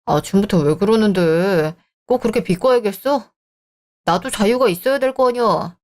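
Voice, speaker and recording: A woman's voice: mid-range voice, moderate pace, a little mellow, lightly acted. A woman voicing a selfish young married man who talks in a dismissive, irritated way, in a dramatized story. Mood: scornful.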